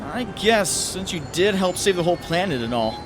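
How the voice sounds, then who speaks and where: A man's voice: high-pitched, lively intonation, normal speed, noisy background. A man playing a cocky, wisecracking young superhero with a quippy manner in a comic book dub. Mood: concerned, questioning. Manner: quippy, taunting.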